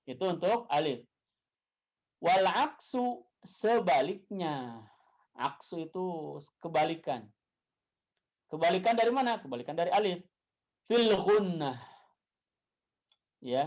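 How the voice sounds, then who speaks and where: A man with an Indonesian accent teaching Quran recitation, chanting Arabic verses slowly and then explaining them, asking questions and answering them himself. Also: a little high, darkish tone. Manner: repeats key points and asks himself questions. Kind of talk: classroom lesson on Quran recitation. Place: classroom with a whiteboard.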